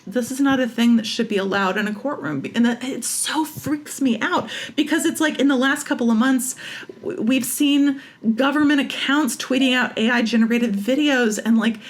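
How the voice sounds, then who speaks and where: A high-pitched American woman speaks at a moderate pace as an interview guest, chatting casually and emphatically about creative matters. She offers opinions freely and repeats phrases for emphasis.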